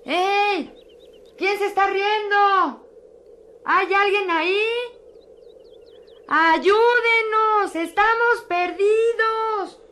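A woman playing an expressive, worried hiker lost in the woods in a children's audio drama. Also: on the high side, unhurried. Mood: anxious.

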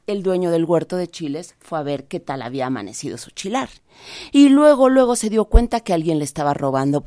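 A woman with a Mexican accent telling a folk tale in a lively, expressive way with dramatic pauses. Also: fairly low pitch. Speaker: storyteller.

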